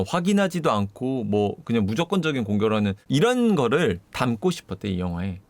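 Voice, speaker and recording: A man's voice: a little high, no echo. A man reviewing a film in a casual, slangy way, swearing and retelling the scenes. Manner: slangy, swears, acts out scenes in lively bits.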